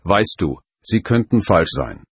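A man narrating an audiobook in a steady, even manner. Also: sits low, unhurried, breathy edge, dry recording, clean studio sound. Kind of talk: audiobook reading.

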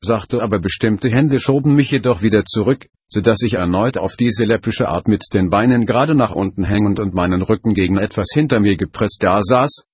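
Männlicher Hörbuchsprecher, tief und heiser, ruhig erzählend, trockener Klang. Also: male voice, fairly low pitch, brisk, hardly any pauses, darkish tone, husky, no room sound, studio quality. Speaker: audiobook narrator. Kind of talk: scripted narration.

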